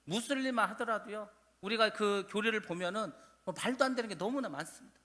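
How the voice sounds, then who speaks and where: A man preaching in a church sanctuary, his voice carrying a long hall reverb. He sounds high and bright. He tells stories with animation and acts out the quoted speech. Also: a little fast. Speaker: pastor. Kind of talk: sermon.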